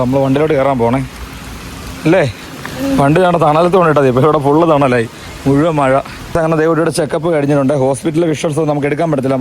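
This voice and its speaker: A man chats casually as a family vlogger, excitable, repeating words in quick bursts and dropping in English words. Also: on the high side. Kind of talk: casual vlog chat to camera. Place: in and beside a parked car in rain. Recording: noisy outdoor and in-car phone recording. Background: vehicle and urban outdoor noise.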